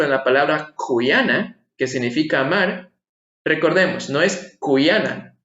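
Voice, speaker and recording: A man's voice: a little high, a bit bright. Patient man teaching, echoey room. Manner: patient explanatory, asks rhetorical questions. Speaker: language teacher. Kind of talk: online language lesson. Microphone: screen-share voice-over. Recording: echoey room, slightly dull lo-fi sound.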